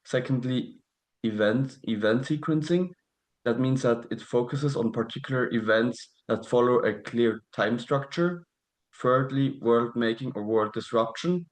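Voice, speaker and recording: A man's voice: medium pitch, a little slow, poor audio. A man in his twenties from Switzerland, reading a prepared webinar talk carefully over a video call. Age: 20s. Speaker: presenter.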